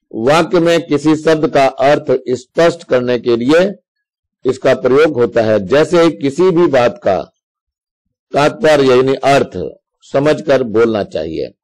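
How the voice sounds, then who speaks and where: A man's voice: medium pitch, unhurried, a little mellow, poor audio. A male teacher explaining Hindi grammar to schoolchildren, reading examples out step by step in a patient way.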